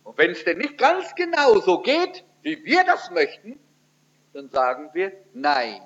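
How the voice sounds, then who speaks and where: Animated preacher man, lo-fi sermon recording. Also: measured pace. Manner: animated storytelling, pitch swinging widely for emphasis.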